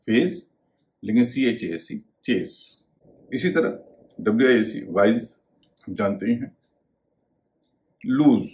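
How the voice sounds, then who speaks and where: Methodical male language teacher, lively pitch. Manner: methodical, spells words letter by letter. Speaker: English pronunciation teacher. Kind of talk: explanatory video lesson.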